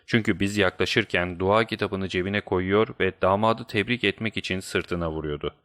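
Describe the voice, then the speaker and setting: A man's voice: low voice, normal speed. A man reading a detective story aloud as an audiobook narrator, telling it steadily. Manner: steady storytelling, voicing each character.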